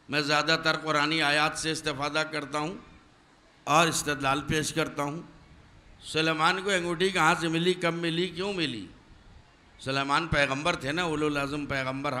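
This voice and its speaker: Emphatic male preacher, bright voice. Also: a little high. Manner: addresses audience directly, demanding attention; emphatic, rhetorical questions. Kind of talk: religious sermon.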